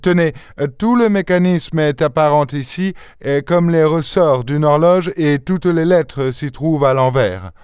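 A man reading the part of Sherlock Holmes, voicing the calm English detective with dry, assured precision. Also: on the high side, measured pace, few pauses, clean tone, no echo, voice pushed up, close to an everyday voice. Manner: assured, dryly amused, explaining with precision. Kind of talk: audiobook character voice.

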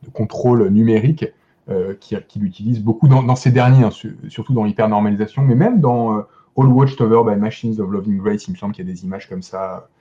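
Low, mellow French man in casual talk. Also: steady tone, brisk, lo-fi sound. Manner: hesitant, many restarts and fillers. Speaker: podcast co-host. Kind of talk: casual discussion.

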